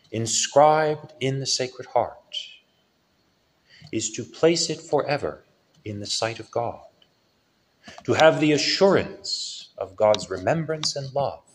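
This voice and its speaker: A male priest giving a solemn sermon with a lively rise and fall in his preaching. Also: medium pitch, a little hiss or hum. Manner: slow, solemn preaching with lively rises and falls.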